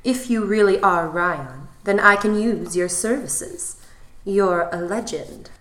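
Woman as a brisk, wealthy client, mid-pitched and all business. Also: fairly bright tone. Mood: impatient. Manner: brisk and no-nonsense. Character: wealthy, impatient female client searching for her brother.

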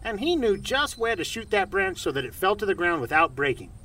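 A man playing a very short, cheeky, excitable space traveler in an audio drama, with animated, teasing delivery. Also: high voice, brisk, far from the mic, a little hiss or hum, heavily acted.

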